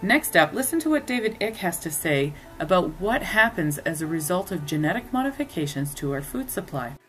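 A woman's voice: lowish voice, big pitch swings, a little fast, faint music behind, poor audio. A woman hosting a commentary show, talking in an earnest, speculative way. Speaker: host. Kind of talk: scripted commentary.

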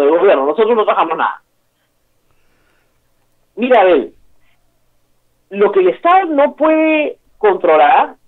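A woman from Peru hosting a political talk show, giving emphatic, opinionated commentary and repeating key words for stress. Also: medium pitch. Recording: tinny phone line.

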